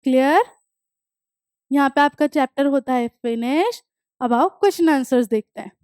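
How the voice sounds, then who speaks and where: A woman's voice: sits high, darkish tone, no echo, studio quality. A young woman teaching an English lesson, reading textbook lines and explaining them in Hindi, repeating words to drill their pronunciation. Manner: reads English text slowly, then explains in Hindi. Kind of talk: classroom lecture explaining a textbook chapter.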